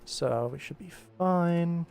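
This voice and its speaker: While streaming his animation work live, a young man talks casually and ramblingly about what he is doing. His voice is fairly high yet darkish and gravelly, his pace slow, and faint music plays in the background.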